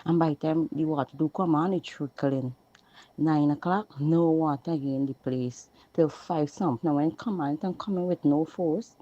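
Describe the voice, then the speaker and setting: A woman in a low lo-fi Guyanese voice message. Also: normal speed, dark tone. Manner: complaining, plain-spoken. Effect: recorded voice message played on air. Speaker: caller sending a voice note. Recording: dull, lo-fi voice note.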